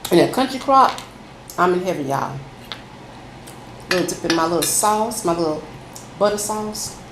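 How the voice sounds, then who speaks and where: A woman food vlogger chatting casually to viewers over a meal in a folksy way, saying y'all. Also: mid-range voice. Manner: folksy, addresses listeners as y'all. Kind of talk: casual chatty mukbang, talking to viewers while eating. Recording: echoey room, faint background noise.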